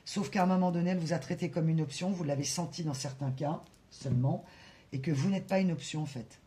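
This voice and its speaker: A French-speaking card reader giving a spiritual guidance reading, talking slowly with many hesitations and asides to spirit guides. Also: medium pitch, warm tone. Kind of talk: tarot-style guidance reading to camera.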